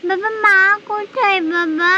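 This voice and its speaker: A woman's voice: very high-pitched, steady tone, unhurried, bright, forceful tone, highs cut off, a little hiss or hum, exaggerated voice. A woman voicing a small girl in a doll story, asking anxiously where her mother went. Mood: worried. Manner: anxious, questioning.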